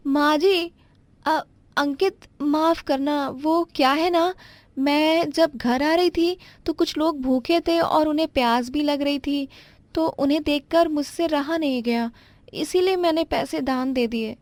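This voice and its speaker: A woman voicing a scheming young wife who lies and stammers out excuses in a high voice. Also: a little slow, darkish tone, no echo. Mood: pleading. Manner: high, pleading, fibbing with stammers.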